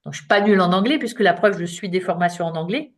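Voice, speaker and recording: A woman's voice: on the low side, fast. A woman in her late fifties, a coach giving an informal talk in French, chatty and self-mocking with frequent fillers. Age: 50s. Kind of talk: live online talk to an audience.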